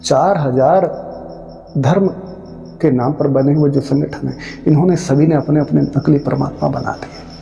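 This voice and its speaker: Male spiritual preacher, gravelly and mellow, emphatic rhetorical delivery, long reverb. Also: on the high side, steady tone, lo-fi sound. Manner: emphatic, rhetorical, scolding the listener with drawn-out phrases. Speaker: spiritual speaker. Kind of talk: devotional discourse on Kabir's verses. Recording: long reverb with faint music.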